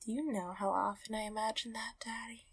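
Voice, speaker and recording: A woman performing an intimate roleplay in soft, close whispers, often laughing quietly. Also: on the high side, fairly even intonation, a little fast, slightly rough.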